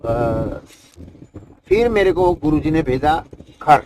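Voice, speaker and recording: A man's voice: fairly high pitch, animated, takes it slowly. Older man, folksy rambling yogi storyteller. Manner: rambling, folksy, tag questions like "isn't it". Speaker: Himalayan yogi. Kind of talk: conversational life-story telling. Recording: noisy ambient background.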